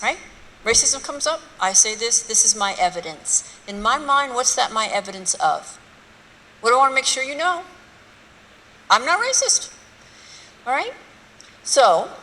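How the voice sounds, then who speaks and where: A woman speaks to a live audience in a lecture hall. Her voice is bright and forceful, and she talks bluntly, with rhetorical questions and mocking asides. The sound rings with long reverb and faint room noise around it. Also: mid-range voice. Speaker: speaker giving a talk on race.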